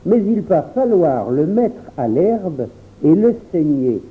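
A man voicing a steady, practical coachman who explains things matter-of-factly in a storybook reading. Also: a little high, slow pace. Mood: calm. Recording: tinny phone-like sound.

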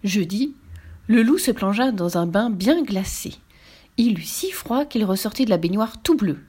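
A woman reads a children's picture book aloud at a slow, gentle pace. Her voice sits at a middle pitch and sometimes drops to a soft half-whisper. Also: lively intonation, husky. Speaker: storyteller.

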